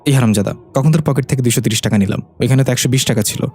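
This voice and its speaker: A man's voice: mid-range voice, racing, darkish tone, close to an everyday voice. A man voicing a bumbling, crooked constable who blusters and then backs down sheepishly. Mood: blustering.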